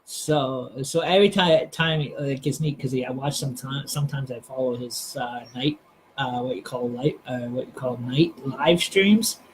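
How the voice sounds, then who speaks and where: A man's voice: medium pitch, moderate pace, slight background noise, rough recording. A man hosting a live stream, chatting casually and hesitantly, with many fillers and restarts. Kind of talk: casual rambling chat.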